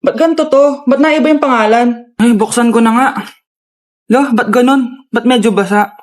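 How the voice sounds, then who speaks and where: A woman acting out animated storytime skits, voicing every character with exaggerated, theatrical delivery. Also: a little high, normal speed.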